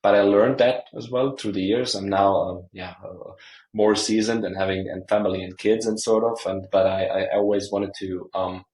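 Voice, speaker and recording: Deep, flat-voiced middle-aged man. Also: roomy sound, poor audio. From Croatia. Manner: halting, many fillers and restarts. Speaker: startup founder and CEO. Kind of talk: casual interview answers.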